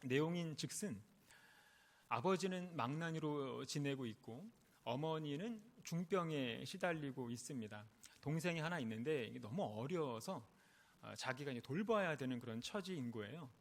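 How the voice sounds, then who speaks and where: Korean pastor preaching in a reverberant hall. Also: male voice, on the high side, expressive, moderate pace. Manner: earnest storytelling with emphatic rising stresses. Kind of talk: sermon. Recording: long reverb of a large hall.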